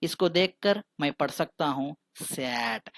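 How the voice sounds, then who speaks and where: A man teaching English pronunciation who asks the listener questions, answers them himself, and drills each word slowly by repeating it. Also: a little high, animated, fairly bright tone, no echo. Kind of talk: recorded pronunciation lesson.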